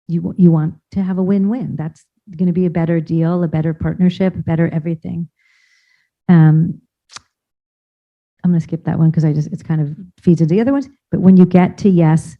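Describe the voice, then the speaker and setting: A woman speaks at a conference in a casual, rambling way, tossing in fillers and restarting her sentences. Her voice is on the lower side. The recording is somewhat dull, as though the highs were cut off. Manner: chatty, many fillers and restarts. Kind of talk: informal conference talk.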